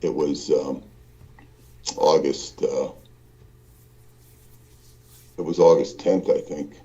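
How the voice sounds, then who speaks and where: A man's voice: extremely low pitch, fairly even intonation, takes it slowly, dark tone, dull audio. A man speaking over an internet call from a hotel hallway, sounding distant and echoey as if in a cave, rambling with many fillers and restarts. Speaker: guest calling in from a trip. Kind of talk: casual call-in chat. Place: hallway of a small hotel room.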